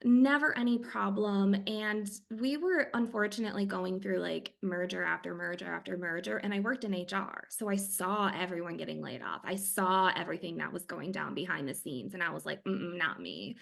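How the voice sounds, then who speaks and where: Gravelly-voiced woman telling a story. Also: fairly low pitch, moderate pace, hardly any pauses. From Michigan. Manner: animated storytelling with acted-out quotes and laughter. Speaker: podcast guest. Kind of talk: casual chat.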